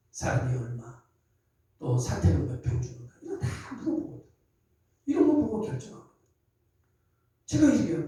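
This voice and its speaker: A man's voice: very high-pitched, mellow. A middle-aged male pastor preaching conversationally to church officers, asking rhetorical questions and acting out dialogues. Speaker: senior pastor. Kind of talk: sermon training church officers. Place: church sanctuary. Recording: very echoey hall, voice from far off.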